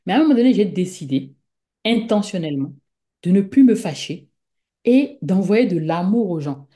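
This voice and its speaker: A woman from Africa speaks as a guest in a conversational talk, her voice mellow and warm. She rambles, leaning on fillers and repeated words. Now and then she acts out her own thoughts as quoted speech, at a middle pitch. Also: lively intonation, moderate pace. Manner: rambling, full of fillers and repetitions.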